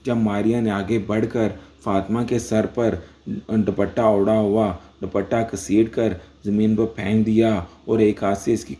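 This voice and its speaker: A man narrating a dramatic story in a steady, scripted reading. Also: lowish voice.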